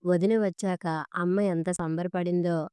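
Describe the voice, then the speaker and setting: A woman narrates a family drama in an even, measured way. Her voice sits a little low and stays quite flat. The recording is very clear and dry, with no room sound. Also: no echo. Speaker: story narrator. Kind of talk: scripted narration.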